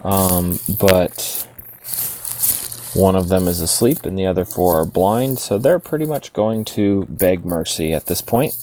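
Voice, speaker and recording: A man's voice: low-pitched, unhurried, a little mellow, slight background noise, poor audio. A man running a tabletop game, narrating casually with many fillers. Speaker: game master.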